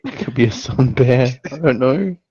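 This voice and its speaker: A man's voice: medium pitch, lively intonation, normal speed, dark tone, highs cut off. A young man playing a tabletop game, goofily describing his character's actions and making puns. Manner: goofy, punning. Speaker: player.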